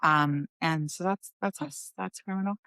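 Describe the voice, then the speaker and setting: A woman in her forties from Costa Rica, a venture fund founder, telling her story in a relaxed interview with fillers. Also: low voice, normal speed, no room sound. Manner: thoughtful, fluent storytelling with fillers. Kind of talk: casual interview talk.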